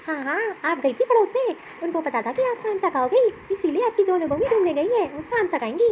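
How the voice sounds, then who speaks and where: A woman's voice: very high-pitched, sing-song, fairly quick, lo-fi sound, slight background noise. A woman voicing a scheming young daughter in a cartoon story, gleeful and sly.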